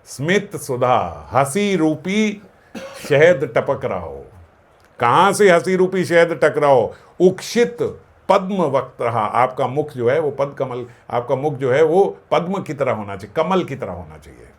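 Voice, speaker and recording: A man giving a devotional discourse, explaining scripture verses, asking his own questions and answering them, and slowing down to chant Sanskrit lines. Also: a little high. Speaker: spiritual discourse speaker.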